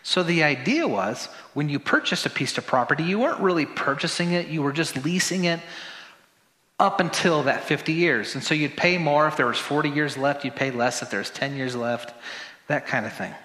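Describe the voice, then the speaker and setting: A man's voice: a little high, expressive, normal speed, sharp tone. A man preaching a sermon as pastor, talking conversationally with joking asides and repeated words. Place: church sanctuary. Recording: roomy church hall reverb.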